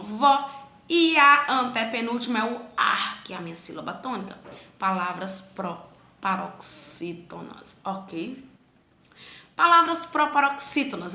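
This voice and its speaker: A teacher with a bright, fairly high voice leads a children's grammar lesson in an echoey space. She draws syllables out slowly to mark stress, voicing the pupils' questions as well as her own part.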